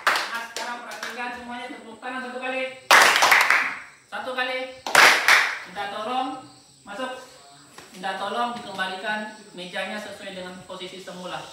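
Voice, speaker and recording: A man's voice: sits high, steady tone, normal speed, pauses often. A male teacher leading a classroom lesson, giving short directions and often repeating commands. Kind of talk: classroom instruction. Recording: echoey room from far off, noisy.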